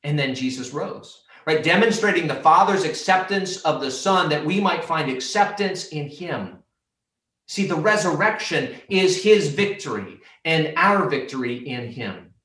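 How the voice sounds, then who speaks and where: A man's voice: a little high, a bit bright, reverberant, distant mic. A man preaching a sermon earnestly, his voice lifting when he quotes scripture. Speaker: pastor.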